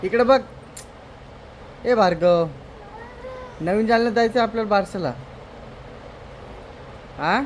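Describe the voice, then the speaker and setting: A man's voice: high-pitched, slow pace, pauses often, a little hiss or hum. Teasing male vlogger at home. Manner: teasing and cajoling. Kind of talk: casual family prank vlog. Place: indoors at home.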